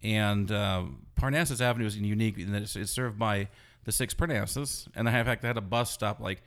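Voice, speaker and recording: A man's voice: on the low side, a little fast, clean tone. A man, a blogger being interviewed, telling a story in a casual, rambling way and filling it with "you know". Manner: rambling, animated retelling full of "you know". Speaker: blogger guest.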